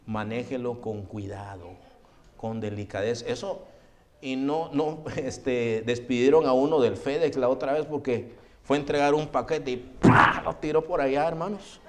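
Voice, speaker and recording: A pastor with a slightly high voice preaches a sermon at normal speed, direct and admonishing. Again and again he addresses the congregation as "hermano," meaning brother, and a faint hiss or hum sits under the audio.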